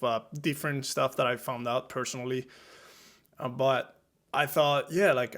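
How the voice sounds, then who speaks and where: A young man from Spain whose first language is Spanish talks in English with a Spanish accent, hosting a solo podcast. His delivery is loose and reflective, full of fillers and restarts, at a mid pitch for a man. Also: fairly bright tone. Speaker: podcast host, strength coach.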